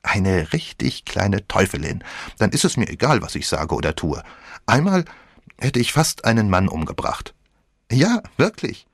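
A man's voice: fairly low pitch, very animated, a little slow, vocal fry, no echo, studio quality, heavily acted. A man voicing a flippant, teasing girl of about seventeen in an audiobook, with theatrical, mock-dramatic speech. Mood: playful.

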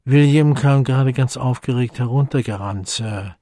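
A man's voice: mid-range voice, moderate pace, warm tone, dry recording, studio quality, close to an everyday voice. A man voicing a polite, hesitant and formal male butler in a story. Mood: grave.

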